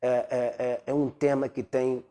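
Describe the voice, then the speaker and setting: A man preaching a sermon as pastor, pausing often on long drawn-out fillers. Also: medium pitch, level tone, mellow. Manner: hesitant, many drawn-out fillers.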